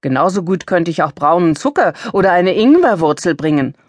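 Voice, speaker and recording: A man's voice: high voice, very animated, a little fast, dry recording, clean studio sound. A woman reading an audiobook, voicing a defensive, easygoing grandfather who snaps back in an argument. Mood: snapping.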